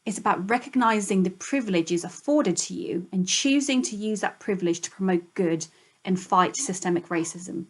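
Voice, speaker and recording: A woman's voice: mid-range voice, moderate pace, husky. A woman from Zimbabwe speaking steadily and purposefully in an interview.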